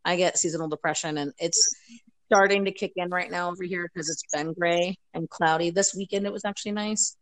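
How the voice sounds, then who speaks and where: A woman's voice: lowish voice, steady tone, brisk, poor audio. Chatty American-born woman on a call. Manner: chatty, rambling, many fillers. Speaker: podcast guest. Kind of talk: casual chat. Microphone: video call.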